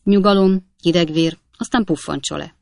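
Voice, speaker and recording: A clueless but eager gentleman serving as a second, as a storyteller plays him, brisk and encouraging, his voice a little raised. The recording is dry and close. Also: mid-range voice, creaky, dry recording, lightly acted.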